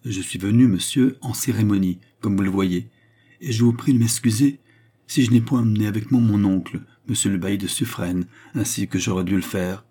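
A man's voice: lowish voice, a little fast, warm tone, husky. A man reading an earnest young count who makes a formal, ceremonious request.

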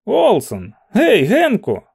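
A man's voice: huge pitch swings, takes it slowly, vocal fry, a little mellow, breathy edge, heavily acted. A man reading an audiobook aloud, voicing a sardonic young man who teases the others in a raised, exaggerated voice. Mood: mocking. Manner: teasing, high and exaggerated. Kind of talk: audiobook character voice.

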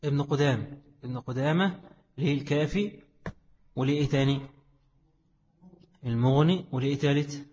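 A man's voice: medium pitch, brisk, long pauses, dark tone, in a large hall, dull audio. A man with an Egyptian Arabic accent teaching a class on Islamic jurisprudence. He keeps putting questions to his students and answering them himself. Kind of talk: classroom lecture on fiqh.

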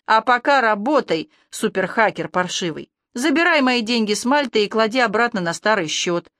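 A woman's voice: fairly high pitch, lively intonation, moderate pace, dry recording. In this audiobook, a raging middle-aged boss barks orders and scorn, as a woman reader puts him on. The reading is dry and close-miked. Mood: furious. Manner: shouting, bossy, scornful. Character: furious domineering middle-aged male boss and uncle.

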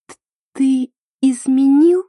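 A woman voicing a desperate young woman in love, pleading in high, strained, near-shouted lines. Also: moderate pace, breathy edge, no echo, natural voice. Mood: distraught.

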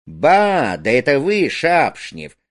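A man's voice: mid-range voice, wildly swooping pitch, slow, no echo, studio quality. A man reading a play aloud, voicing a jaunty dandy who talks in a sing-song way. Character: dandy Rudik, jaunty then panicky.

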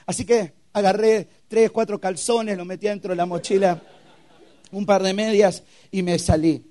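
A young man preaching his own story at a youth camp, acting out quotes and sound effects, swinging between loud and hushed. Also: high-pitched, fairly even intonation, normal speed. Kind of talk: testimonial sermon.

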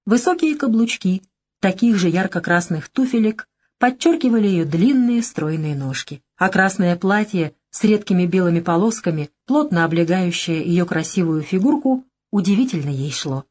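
A woman narrating an audiobook in a calm, even storytelling manner. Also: fairly low pitch, normal speed. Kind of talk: scripted narration.

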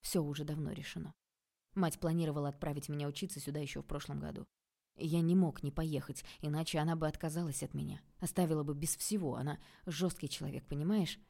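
A woman reading the part of a guilty young man, quiet and pleading. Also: low voice, fairly even intonation, fast, vocal fry. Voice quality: quiet, hushed.

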